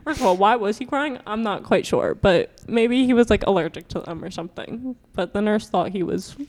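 A teenage girl telling a story in casual chat as a podcast co-host, fast and giggly, full of "like". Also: medium pitch, lively intonation, a little mellow.

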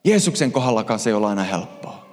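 A man preaching a sermon as pastor, impassioned, swinging between hushed and loud passages. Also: on the low side, sing-song. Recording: reverberant hall.

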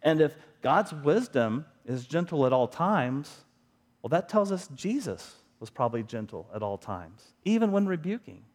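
A man's voice: a little high, sing-song, moderate pace, darkish tone. A middle-aged man preaching a sermon as a pastor, talking in a conversational way and often asking the congregation rhetorical questions.

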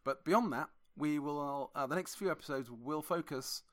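A man's voice: fairly high pitch, moderate pace. A man co-hosting a casual podcast who sums up the discussion in a reflective, appreciative way. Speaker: podcast co-host.

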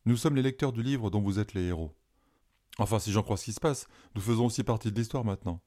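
Male narrator doing a blunt, questioning girl in a storybook, mellow tone. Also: on the low side, fast talker, lightly acted. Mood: curious. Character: curious, blunt young girl.

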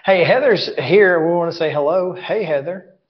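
A man's voice: a little high, moderate pace. A man hosting a casual sports talk show, easygoing and chuckling, often repeating words as he goes. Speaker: sports radio host. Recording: dull lo-fi sound.

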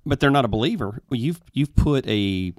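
A man's voice: medium pitch, expressive, darkish tone, dry recording, clean studio sound. A man who leads in a church, speaking carefully and with some hesitation in a casual conversation. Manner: careful, hesitant, measured phrasing.

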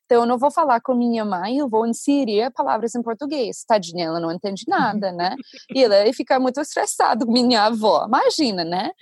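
A woman's voice: on the high side, slightly rough, no echo, clean studio sound. A Brazilian woman, an English teacher and content creator, talking animatedly in a casual chat, with lots of fillers. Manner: animated, talks fast with many fillers.

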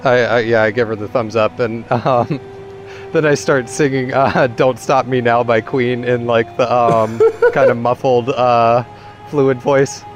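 A man's voice: mid-range voice, fairly even intonation, unhurried, lo-fi sound. A man playing a tabletop game, laid-back and joking, swearing casually as he says what his character does. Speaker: player. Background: background music.

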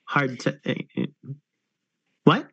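A man narrating a tabletop game as game master, unhurried and pausing often to think. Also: bright, forceful tone, dry recording, dull audio. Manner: unhurried, with many thinking pauses.

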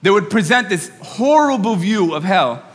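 A man preaching earnestly and excitedly to a congregation, often repeating and rephrasing himself. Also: sits high, normal speed. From New York. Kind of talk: sermon to a congregation. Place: large room, speaking to an audience. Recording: reverberant hall sound.

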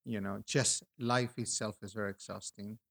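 In a laid-back interview, a middle-aged artist with a Peruvian accent reflects haltingly, often starting over. His voice runs low and gravelly.

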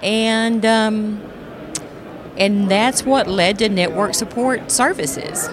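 A woman executive giving measured, businesslike explanations as a podcast guest at a convention expo. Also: mid-range voice, fairly even intonation, a crowd in the background. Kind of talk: explanatory interview talk.

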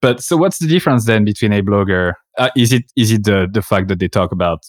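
A man's voice: on the low side, lively intonation, fast, no echo, clean studio sound. A man hosting a podcast, asking casual, probing questions of his guest. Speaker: podcast host. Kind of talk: interview questions.

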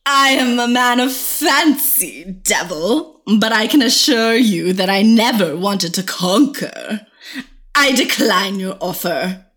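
A woman voicing a proud, refined aristocratic gentleman, speaking slowly and with dignity. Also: mid-range voice, lively intonation. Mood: dignified. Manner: slow, deliberate, dignified.

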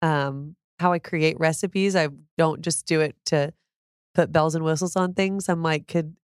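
A woman with a notably low voice talks in an easy, upbeat interview chat, filling her sentences with "like". The sound is close and dry, with no room around it. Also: fairly even intonation, measured pace, no room sound. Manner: chatty and upbeat, heavy use of "like". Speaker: cookbook author, guest.

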